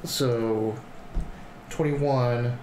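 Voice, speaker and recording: A man's voice: medium pitch, steady tone, extremely slow. Casual male gamer in a noisy, echoey room. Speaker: player in a tabletop role-playing game. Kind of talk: casual table talk. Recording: echoey room with clear background noise.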